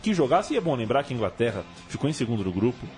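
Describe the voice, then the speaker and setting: A man's voice: mid-range voice, sing-song, rapid-fire, darkish tone, faint music behind. A man with a Brazilian accent casually telling football stories as a show host. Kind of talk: casual football storytelling chat.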